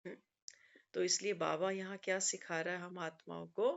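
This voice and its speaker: With a lowish, level voice touched by vocal fry, a woman speaks at a moderate pace. She gives a devotional discourse as a spiritual speaker, storytelling while often quoting teachings and adding asides in a conversational way. It's a muffled lo-fi recording.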